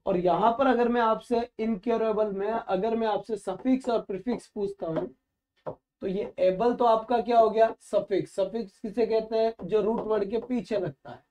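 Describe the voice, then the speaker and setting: A man's voice: high-pitched, fairly even intonation, normal speed, darkish tone. A man teaching a live online vocabulary class, drilling the students by asking a question and then answering it himself, and calling them "beta" in a friendly, instructive way. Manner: drilling, asks and answers his own questions.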